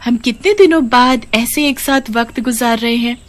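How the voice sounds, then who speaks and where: A woman voicing a young girl in a cartoon story, high, excited and tearful by turns. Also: normal speed, natural voice. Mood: delighted. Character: young girl, grieving daughter.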